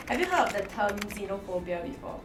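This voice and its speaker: A woman's voice: mid-range voice, sing-song, quick pace. A woman interviewer asking short, plain questions. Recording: echoey room with music.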